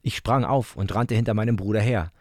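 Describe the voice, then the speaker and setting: A man narrating an audiobook in the first person with calm, even storytelling. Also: lowish voice, a little fast, no room sound, clean studio sound.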